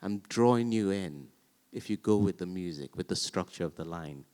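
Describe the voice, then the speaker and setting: A man with a low voice spins a theatre anecdote for a live audience. He tells it with energy and taps out the beat of the verse as he goes. A long reverb from the hall hangs on his words. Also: moderate pace. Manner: animated storyteller, chants verse rhythms aloud. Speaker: actor. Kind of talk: panel conversation, anecdotal.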